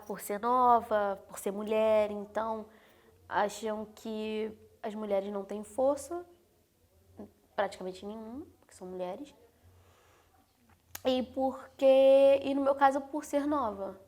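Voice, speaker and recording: Effusive young Brazilian woman, high voice. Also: darkish tone. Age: young adult. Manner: emotional, effusive, halting restarts. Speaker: host. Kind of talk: heartfelt interview chat.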